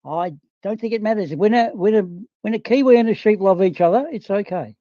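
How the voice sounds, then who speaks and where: A man chatting casually over voice chat, teasing the others and quick to laugh. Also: high-pitched, no echo. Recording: dull dry lo-fi voice-chat audio.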